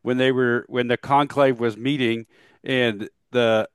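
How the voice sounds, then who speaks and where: Smooth-voiced easygoing man. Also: mid-range voice, fairly even intonation, no echo, studio quality. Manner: easygoing listener, agreeable, halting restarts. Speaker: talk show co-host. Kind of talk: casual chat.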